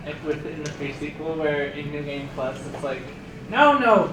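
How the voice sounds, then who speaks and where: A man's voice: fairly high pitch, flat delivery, moderate pace. A man in the audience talking enthusiastically. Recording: very echoey room, distant mic, loud noise.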